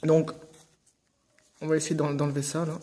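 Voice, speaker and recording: A man's voice: fairly high pitch, level tone, normal speed, dark tone. A man casually hosting an unboxing video, hesitant with many fillers and restarts, joking asides to viewers.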